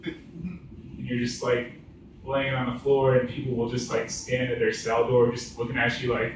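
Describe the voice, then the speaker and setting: A man's voice: medium pitch, little pitch movement, moderate pace, distant mic, a little hiss or hum. A man doing stand-up at an open mic, telling a story in a rambling way full of "like"s. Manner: rambling, filler-heavy storytelling with many "like"s. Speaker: stand-up comedian. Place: echoing open mic venue. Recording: very echoey room recorded from afar, faint ambience.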